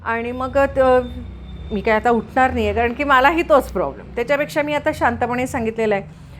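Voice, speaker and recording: A woman retells a busy morning at home in a casual storytelling way. Her voice sits a little high, and she briefly slips into the voices of the people she describes. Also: a little fast, a little hiss or hum. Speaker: doctor giving family advice.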